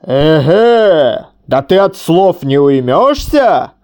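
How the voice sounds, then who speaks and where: A woman voicing a stern, gruff young blacksmith who barks harsh orders in an audiobook reading. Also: low-pitched, big pitch swings, slow pace, a little mellow, full character voice. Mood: angry. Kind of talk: audiobook reading of a classic story.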